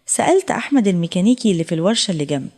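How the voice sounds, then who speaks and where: A woman's voice: lowish voice, very animated, very fast, darkish tone. A woman with an Egyptian accent narrating a heartfelt first-person story. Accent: Egyptian Arabic.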